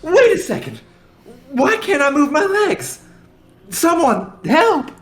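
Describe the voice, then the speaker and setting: Man putting on a high, feisty young woman. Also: huge pitch swings, takes it slowly, vocal fry, fairly bright tone, exaggerated voice. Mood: panicked. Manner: exclamatory, dramatic. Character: feisty young woman navigator, alarmed and proud. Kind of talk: comic manga dramatization.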